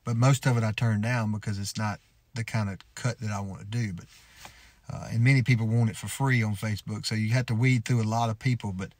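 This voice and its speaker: A man in his thirties giving relaxed, folksy advice to the camera from inside a parked pickup truck, often restarting his words. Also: on the low side, fairly quick. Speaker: sawmill owner and homesteader vlogger. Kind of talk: casual advice talk to camera.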